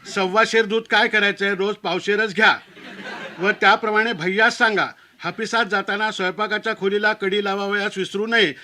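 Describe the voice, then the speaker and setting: A man's voice: high-pitched, fairly even intonation, normal speed, sharp tone. A man voicing an old-fashioned young bride, reciting her plain words in a matter-of-fact, sing-song way.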